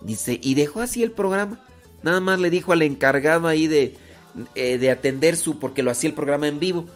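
Mexican radio guy, ranchero accent, kinda high voice, rambles w lots of fillers, faint music behind. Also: fairly quick. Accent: Mexican, rural ranchero speech. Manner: rambling, with many fillers and restarts. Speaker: radio host. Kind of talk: casual radio talk to listeners.

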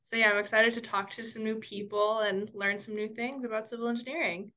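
A woman's voice: on the high side, steady tone, fairly quick, pushed and bright. A young woman from Indiana, a new podcast co-host, chatting in an easygoing way with a few fillers. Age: young adult. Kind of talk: casual chat.

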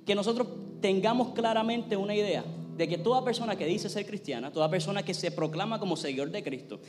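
A man's voice: high voice, fast. A male pastor preaching a sermon and praying fervently from the pulpit, his delivery building in intensity. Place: church sanctuary. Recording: long hall reverb, faint music.

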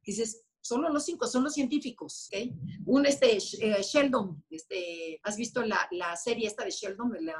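A woman explaining personality types in a lively, conversational way, often acting out little quoted voices. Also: medium pitch, a little slow, husky. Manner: animated, acts out quoted voices. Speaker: enneagram expert guest.

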